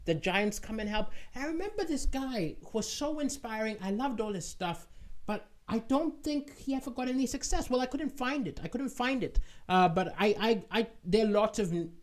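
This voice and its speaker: A high-pitched male voice belongs to a comedian who rambles in casual chat to an online audience, regularly capping his lines with "right?".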